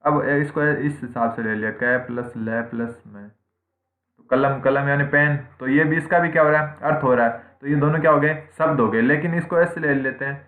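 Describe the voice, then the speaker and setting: A man teaching an online grammar lesson, his voice sitting a little high for a man. He repeats each point and answers his own questions, checking in constantly with his students. The sound is tinny and phone-like, bouncing around an echoey room. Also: fairly quick, hardly any pauses. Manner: frequent "theek hai" checks. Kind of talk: online exam-prep lesson.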